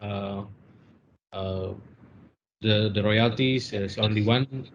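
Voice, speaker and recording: A man's voice: on the low side, fairly even intonation, slow. A man answering a forum question, hesitant with many fillers. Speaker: panel expert. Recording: dull lo-fi sound.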